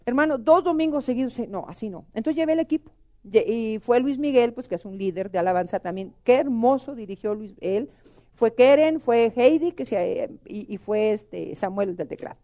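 A woman gives a fervent sermon testimony. Her voice sits high, and she keeps turning to the congregation with questions. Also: animated, moderate pace, mellow. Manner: impassioned, asks the congregation questions. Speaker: preacher.

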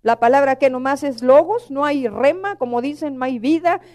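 Middle-aged lady preacher, high mellow voice, pleading and emotional sermon to the church. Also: normal speed. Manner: emotional, pleading, addresses the congregation as brothers.

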